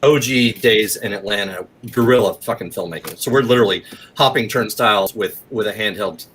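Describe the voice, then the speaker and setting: In a fairly low, slightly bright voice and a brisk delivery, a southeastern American man in his forties chats about himself as an interview guest, candid, casual and a bit rambling. Slight background noise is audible.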